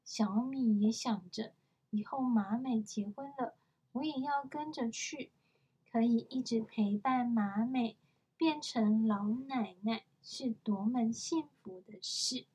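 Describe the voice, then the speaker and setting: A woman reading a picture book aloud to her toddler at home, gently stopping to explain things to the child. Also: a little high, slow, breathy edge. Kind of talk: storybook reading to a young child.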